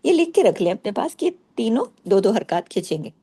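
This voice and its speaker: A woman teaching Quran recitation rules in a patient way, explaining each rule and reciting verses slowly to show them. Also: mid-range voice, big pitch swings, warm tone, slightly rough. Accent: Pakistani Urdu. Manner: patient, repeats rules, checks understanding with "theek hai".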